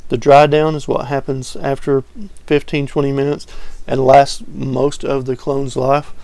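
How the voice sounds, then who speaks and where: A man talking casually to camera as a fragrance reviewer, relaxed and rambling with many fillers. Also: mid-range voice, unhurried, gravelly, dry recording.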